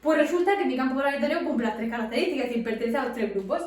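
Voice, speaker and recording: A woman's voice: high-pitched, lively intonation, very fast. A woman tutoring physics to students, explaining step by step and often checking in with questions. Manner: asks and answers her own questions, frequent "¿vale?" checks. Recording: very echoey room, distant from the mic.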